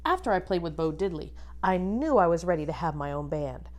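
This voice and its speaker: A woman reading a children's book aloud expressively, like a teacher, pausing to instruct and put questions to young listeners. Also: on the low side, sing-song, a little mellow. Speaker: music teacher reading a picture book to pupils.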